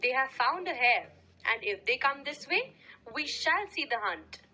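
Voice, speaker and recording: A woman reading the lines of a calm, knowing mother mare in a storybook, in a matter-of-fact way. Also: high voice, unhurried, breathy edge, pitched below the performer's own voice, heavily acted, low-quality recording.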